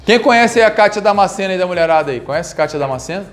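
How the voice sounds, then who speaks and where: A man in his forties giving a live classroom lecture, from Brazil, coaching students through exercises with lively repeated commands. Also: sits high, rapid-fire. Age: 40s. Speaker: physical education lecturer. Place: classroom with audience.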